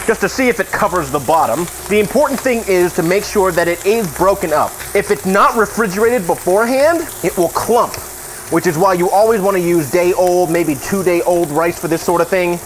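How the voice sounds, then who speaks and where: This is a low-quality recording of a man with a high voice giving a casual cooking tutorial in his home kitchen while drunk. He rambles and makes joking, self-deprecating asides as he works, with a sizzling pan and kitchen noise in the background.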